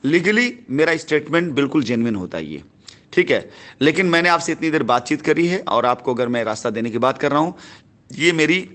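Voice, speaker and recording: A man with a bright-ish, mid-range voice takes the role of a company head replying to a customer by phone. He explains persuasively and insistently, circling back to the same phrases.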